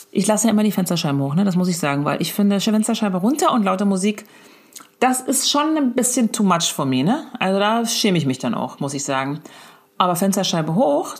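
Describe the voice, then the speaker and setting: A woman, a mother, telling a story in a rambling comic voice message and tagging her lines with "ne?". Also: medium pitch.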